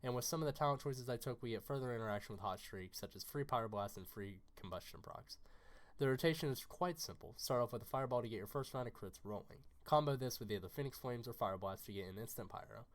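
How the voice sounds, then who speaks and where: Raspy, hoarse man narrating fast. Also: medium pitch. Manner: brisk, informative delivery. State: hoarse from illness. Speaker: game guide creator. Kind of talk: scripted game guide narration.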